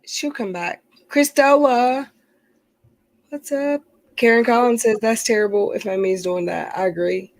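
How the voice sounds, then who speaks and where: A woman in her forties hosts a relaxed livestream chat and reads viewer comments aloud as she goes. Her voice sits a little high, and the sound is dry and close, with no room echo. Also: measured pace. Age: 40s. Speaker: stream host. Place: outdoors near her house.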